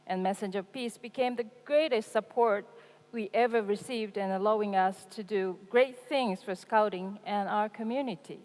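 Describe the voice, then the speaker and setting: A woman's voice: mid-range voice, moderate pace, darkish tone. A woman moderating a conference panel, earnest, with nervous laughs and fillers. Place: large conference hall. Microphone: handheld microphone. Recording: echoey conference hall.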